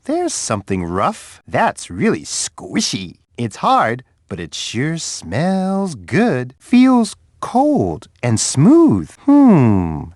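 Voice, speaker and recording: A man voicing Bear, a big, friendly bear who guides young children through an edutainment game, talking to them warmly and patiently. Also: a little high, huge pitch swings, very slow, few pauses, no room sound, studio quality, full character voice. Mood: friendly, coaxing. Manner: warm, patient, talks straight to a young child. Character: big friendly male bear host, gentle and encouraging.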